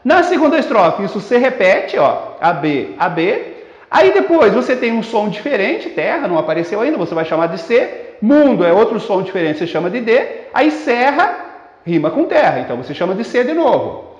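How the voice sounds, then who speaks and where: A man with a Brazilian Portuguese accent teaching a poetry lesson for exam students, explaining step by step and slowing down to read verses aloud. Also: sits high, big pitch swings. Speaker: literature teacher. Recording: roomy echo, dull lo-fi sound.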